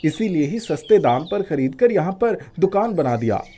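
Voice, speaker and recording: An actor playing a practical young son in an animated story, explaining things patiently. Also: male voice, on the high side, normal speed, slight background noise.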